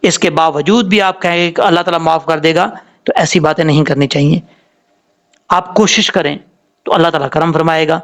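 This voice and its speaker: A man with a Pakistani Urdu accent teaching Quran recitation, patiently explaining letter sounds and repeating words slowly. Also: fairly high pitch, steady tone. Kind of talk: tajweed lesson with spelled-out recitation.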